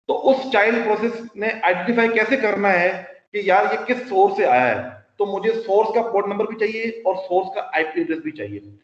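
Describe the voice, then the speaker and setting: A man teaching a lecture, explaining step by step with rhetorical questions and English technical terms. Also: sits high. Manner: mixes English technical terms into his speech. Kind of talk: classroom lecture. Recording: roomy hall sound, dull lo-fi audio.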